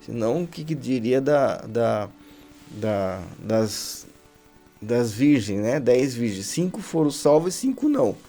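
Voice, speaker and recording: Animated man preaching casually. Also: mid-range voice, takes it slowly, faint music behind. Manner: conversational, repeats "amém?" and "né?" to check with listeners, stumbles and restarts. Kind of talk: informal sermon on video.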